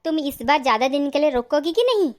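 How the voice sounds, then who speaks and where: एक महिला द्वारा निभाई गई कोमल माँ, जो ऊँची आवाज़ में बच्चों को प्यार से समझाती है।. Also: female voice, high voice, lively intonation, fast talker, noisy background. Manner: soothing, gentle. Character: soothing mother. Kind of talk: comedy skit acting.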